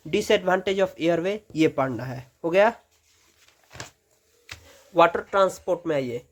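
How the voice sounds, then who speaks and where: A male teacher giving a brisk exam-prep lesson in Hindi, repeating short instructions as he goes page by page. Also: on the high side.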